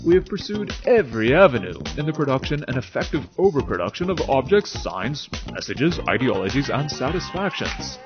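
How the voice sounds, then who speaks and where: This man's medium-pitched voice is very animated and fairly quick, with few pauses, and the sound is lo-fi. Over background music, he explains and dramatically reads philosophy in a casual video essay, delivering it emphatically and theatrically.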